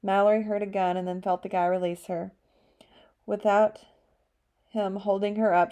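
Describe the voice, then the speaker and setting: A woman narrating an audiobook chapter with a steady storytelling delivery. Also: mid-range voice. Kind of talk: scripted narration.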